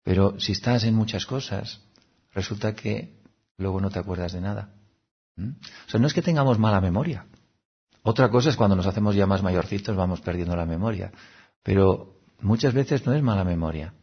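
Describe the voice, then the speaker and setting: Male spiritual teacher, low husky voice, unhurried and musing, slightly muffled lo-fi sound. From Seville, Spain. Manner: unhurried, musing, frequent "¿mm?" and "¿no?" asides. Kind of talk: calm reflective spiritual talk.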